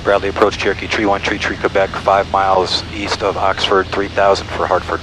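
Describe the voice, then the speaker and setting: A private pilot and aviation vlogger flies a small airplane, speaking into an aviation headset with clipped radio calls and casual cockpit self-narration. His voice sits low and level, a little fast. Loud cabin noise from the small plane fills the recording.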